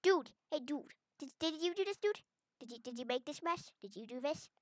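A woman hosting a gameplay video, chatty and excitable, talking to herself as she explores. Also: sits high, a little fast, no echo. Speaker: gaming video host. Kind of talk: playful gameplay commentary.

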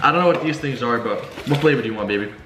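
A man in his twenties chatting as a challenge vlog host while eating sour candy, excitable and teasing. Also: medium pitch, rapid-fire. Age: 20s. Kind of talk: casual challenge vlog chat. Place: home dining room, indoors. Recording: roomy echo with faint noise.

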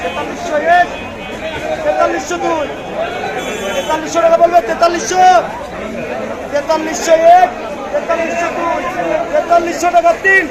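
A man's voice: extremely high pitch, flat delivery, moderate pace, pauses often. A man working as an auctioneer, calling bids in an insistent, repetitive rhythmic chant. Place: busy outdoor wholesale fruit market. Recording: loud market crowd and street noise. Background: busy market crowd, vehicles.

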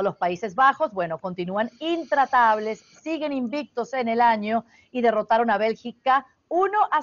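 Venezuelan woman presenting football results. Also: on the high side. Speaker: show host. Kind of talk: sports news presenting. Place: home studio. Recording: lo-fi video call audio.

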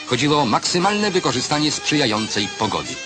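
A man's voice: a little high, sing-song, fairly quick. A man giving formal, declamatory commentary in the manner of an old newsreel narration. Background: background music.

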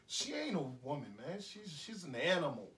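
A man's voice: fairly high pitch, huge pitch swings, moderate pace, fairly bright tone, a little hiss or hum. An actor with a New York accent playing a heartbroken young man who rambles bitterly and repeats himself in an indie film monologue. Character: heartbroken young man ranting after breakup. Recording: echoey room, voice from a distance.

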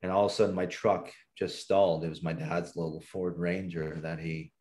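A man's voice: deep voice, flat delivery, moderate pace, darkish tone. A man from southern Ontario, Canada, telling his personal testimony as a podcast guest in an earnest, reflective way.

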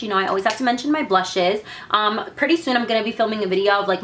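A woman's voice: medium pitch, a bit bright. Chatty young woman gushing on camera. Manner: chatty, filler-heavy, says "girl" and "like" a lot; enthusiastic, gushing about products. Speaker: beauty vlogger. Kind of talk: casual monthly favorites vlog.

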